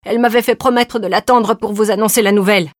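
A woman's voice: mid-range voice, steady tone, fast, dry recording, pitched above the performer's own voice, natural voice. Woman voicing a awkward young man, hesitant, stammering, audiobook, dry close sound.

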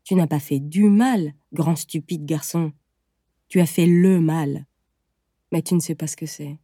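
A woman's voice: low-pitched, unhurried, warm tone, husky, dry recording, studio quality. A woman doing a sorrowful, reproachful mother. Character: tender yet exasperated middle-aged mother. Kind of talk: audiobook reading.

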